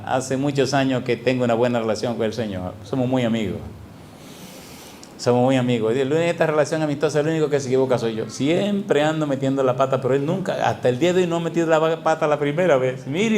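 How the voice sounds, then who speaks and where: A man's voice: fairly high pitch, darkish tone, slight background noise. A middle-aged man preaching a sermon as a pastor, asking the congregation question after question and playing with sound words.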